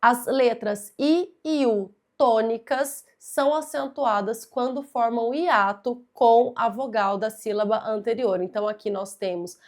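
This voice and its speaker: A woman's voice: fairly high pitch, a little slow, hardly any pauses, a little mellow. A young adult woman teaching a grammar lesson, patient and methodical, stressing key words and speaking straight to the student. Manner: talks directly to the student. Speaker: Portuguese teacher. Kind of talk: exam-prep grammar lesson.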